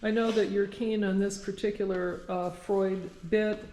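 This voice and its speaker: A woman's voice: medium pitch, little pitch movement, measured pace, mellow. A woman hosting a conversational how-to interview, asking questions and restating technical details. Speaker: interviewer of the woodworker. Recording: echoey workshop, background noise.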